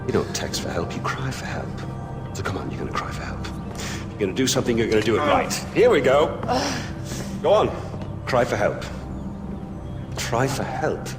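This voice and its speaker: An actor playing a middle-aged, flamboyant dictator in a video game, urbane, charming and mocking, with an edge of menace. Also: male voice, mid-range voice, very animated, normal speed, long pauses, music in the background, natural voice. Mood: mocking, menacing. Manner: urbane, mocking, drawling emphasis, swearing. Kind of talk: theatrical video game villain acting.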